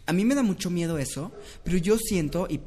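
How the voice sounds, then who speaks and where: A young man with a Mexican accent chatting casually, slangy, jokey and animated. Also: sits high, brisk, slightly rough. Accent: Mexican Spanish. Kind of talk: casual chat.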